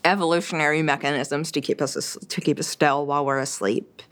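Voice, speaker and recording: Brisk and a bit bright, the deep, steady voice belongs to a young Quebec woman whose first language is French, appearing as an interview guest. She chats casually, with many fillers and restarts.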